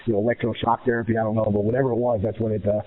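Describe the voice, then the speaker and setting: A man's voice: lowish voice, little pitch movement, racing. An American man, a professional wrestler giving interview answers in an emphatic, self-assured way, repeating phrases in runs. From United States. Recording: muffled, narrow phone-like radio sound.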